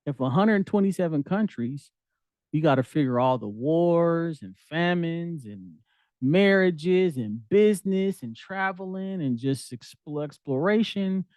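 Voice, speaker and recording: A man gives a relaxed scripture lesson, mixing slang with verses he reads aloud. His voice sits a little high for a man. The sound is close and dry. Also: a little slow, no room sound. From United States. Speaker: Bible teacher.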